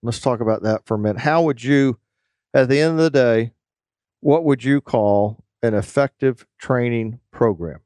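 A middle-aged man hosting a casual interview, telling relaxed anecdotes and acting out the people he quotes. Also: mid-range voice, normal speed, no room sound. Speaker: podcast host.

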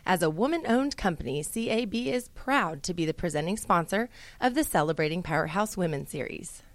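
A woman's voice: lowish voice, animated, a little fast, no echo. A woman hosting a business radio interview show, reading sponsor copy and introducing guests in a polished manner.

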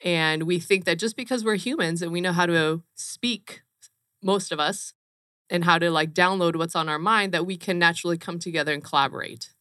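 Woman from Romania, interview guest, emphatic storytelling, low-ish voice, dry sound. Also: a little fast, bright, forceful tone, clear, resonant tone, no room sound. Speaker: guest, company co-founder. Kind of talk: casual interview chat.

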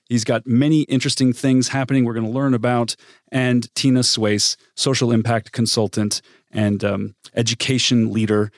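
A man hosting a studio panel interview, speaking in a measured way with pauses and restarts. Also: mid-range voice, no room sound. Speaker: host.

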